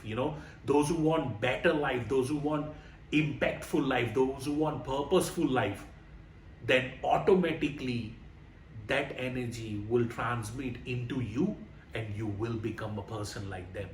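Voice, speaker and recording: A man in his late thirties from India, whose first language is an Indian language, co-hosts a motivational podcast, speaking earnestly and emphatically and repeating phrases. His mid-range voice has a darkish tone and a slightly slow pace. The mic sounds roomy and distant, with faint noise.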